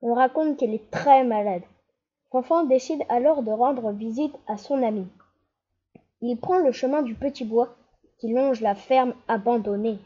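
A woman narrating a children's storybook with a gentle, expressive reading. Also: on the high side, measured pace, a little hiss or hum. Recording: slightly dull lo-fi.

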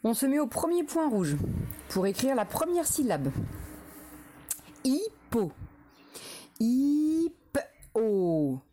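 A woman's voice: high voice, big pitch swings, normal speed, dark tone, slightly rough. A woman teacher giving a dictation to young children, sounding out words syllable by syllable and spelling each letter.

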